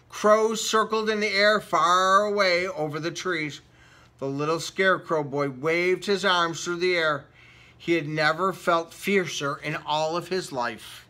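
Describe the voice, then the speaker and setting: This is an animated children's read-aloud by a man with a fairly high, bright, forceful voice. He dramatically elongates and repeats words as he reads the storybook.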